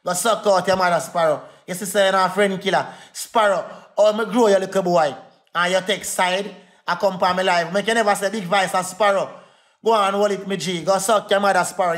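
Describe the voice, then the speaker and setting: On a phone livestream, a man with a Jamaican Patois accent rants angrily, his high-pitched voice fairly bright. He fires off the same insults again and again in a fast, heated tirade.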